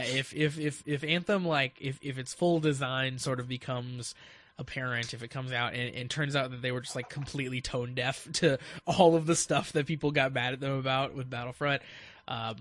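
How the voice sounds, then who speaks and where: A man's voice: mid-range voice, a bit bright. A man hosting a gaming podcast in casual chat, eager, laughing often and stammering through his sentences. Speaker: podcast host.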